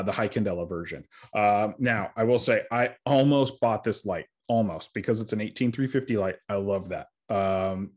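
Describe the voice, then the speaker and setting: Low-voiced casual male podcast host. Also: darkish tone. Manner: rambling, filler-heavy, tired and yawning.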